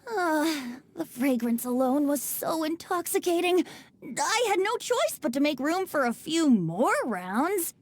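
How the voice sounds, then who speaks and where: A woman's voice: high-pitched, sing-song, measured pace. A woman voicing a playful, wine-loving wind god who takes the form of a youthful bard in a video game, teasing and laughing often. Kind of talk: video game character dialogue. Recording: game audio with faint music.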